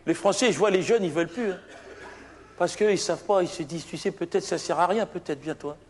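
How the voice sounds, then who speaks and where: A man's voice: high voice, a little fast, natural voice. A man playing a brash young candidate at an oral English exam, argumentative and stammering, on a live comedy stage. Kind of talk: stand-up character sketch. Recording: live stage show, loud laughing crowd. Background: audience laughter.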